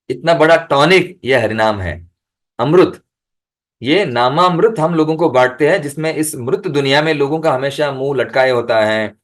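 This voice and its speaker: A man giving a devotional discourse over a video call, reading letters aloud slowly and then explaining them. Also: mid-range voice. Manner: chants the holy name in a rising, lifted voice. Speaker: devotional speaker.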